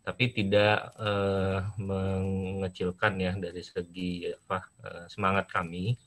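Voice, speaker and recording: A man's voice: low voice, completely flat delivery, slow pace, fairly bright tone. A man presenting at an online seminar, his voice muffled through a face mask. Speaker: presenter, university library head. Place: online video meeting.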